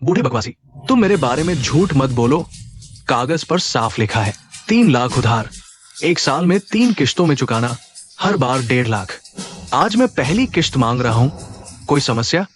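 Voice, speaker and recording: A man dubbing a bullying loan shark who speaks with menace and a sneer, with soft music behind. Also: mid-range voice, big pitch swings, moderate pace, natural voice. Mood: menacing.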